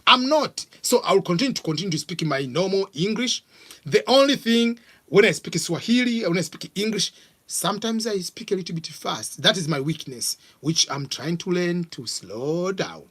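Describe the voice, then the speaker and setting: A middle-aged man from Tanzania runs a live Q&A vlog, responding to viewers in a relaxed, hesitant way full of fillers. He has a Tanzanian accent and a high, slightly rough, somewhat bright voice with lively intonation.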